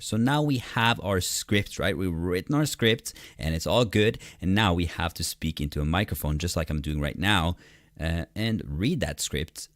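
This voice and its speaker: Deep, dry close-miked man teaching casually. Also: no echo. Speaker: online course instructor. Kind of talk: casual tutorial narration. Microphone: close USB desktop microphone.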